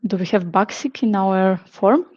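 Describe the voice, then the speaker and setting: A woman from Russia announcing quiz winners, halting and pausing over names. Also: mid-range voice, highs cut off. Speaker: quiz host.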